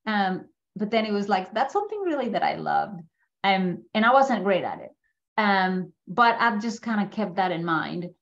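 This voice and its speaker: An expressive, mid-range female voice comes through at a moderate pace with its highs cut off. She is a middle-aged woman from Mexico City, appearing as a guest speaker at a business school to give an informal slide presentation of her personal story over a video call from indoors, often checking in with listeners.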